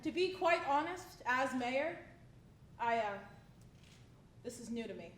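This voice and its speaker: A woman's voice: high-pitched, expressive, echoey room, slight background noise. A woman playing a flustered, hesitant city mayor in a comedy sketch. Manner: hesitant, halting.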